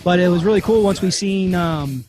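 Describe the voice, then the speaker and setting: A man hosting a casual podcast, talking in halting bursts full of fillers. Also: sits high, a little mellow, soft background music. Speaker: podcast host.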